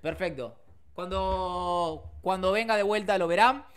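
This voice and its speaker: A man with an Argentine accent hosting a casual livestream from his bedroom, telling stories with lively shouted sound effects. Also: high voice, a little slow, clean tone. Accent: Argentine Spanish. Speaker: streamer host. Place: home bedroom.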